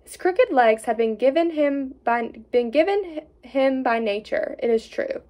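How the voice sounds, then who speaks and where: A woman reading a fairy tale aloud in an expressive storytelling way, with small slips. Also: sits high, measured pace.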